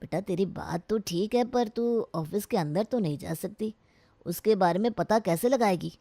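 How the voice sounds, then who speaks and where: A woman's voice: medium pitch, moderate pace, dry recording, natural voice. A woman doing a kindly middle-aged uncle. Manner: gentle, fatherly. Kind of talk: storybook voice acting.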